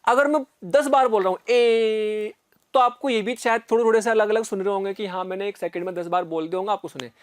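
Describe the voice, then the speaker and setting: A man's voice: sits high, fast talker, clean tone, dry recording, clean studio sound. A man teaching physics in a recorded lecture. He explains step by step, often checks in with his students, and repeats sounds aloud to demonstrate.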